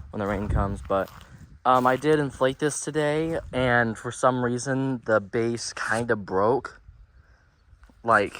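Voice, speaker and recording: A man's voice: medium pitch, a bit bright, low-quality recording. Guy rambling thru a yard review, lots of ums, bit of noise around. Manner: hesitant, many ums and restarts. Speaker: inflatable reviewer. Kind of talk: casual review vlog. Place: outdoors in a yard.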